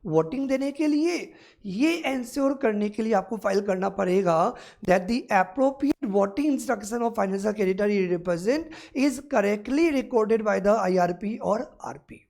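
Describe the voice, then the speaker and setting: A woman law tutor giving an exam-prep lecture, acting out scenarios and quizzing the class, then reading legal text out slowly. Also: medium pitch, creaky. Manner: animated, acts out scenarios in first person and asks the class questions.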